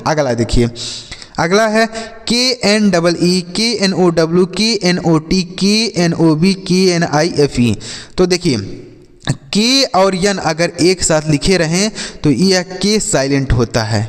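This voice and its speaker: Male teacher, a little high-voiced, asks questions and answers them himself, reverberant room. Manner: spells words letter by letter and answers his own questions; addresses viewers as friends. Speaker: English teacher. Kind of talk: classroom-style lesson.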